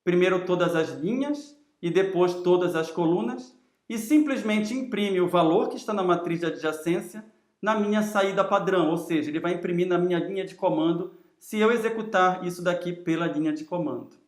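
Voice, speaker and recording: A Brazilian man explains material like a teacher giving a lecture. His voice is high for a male speaker. The recording is clearly roomy, with echo around the words. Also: a little fast. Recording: roomy, echoing sound.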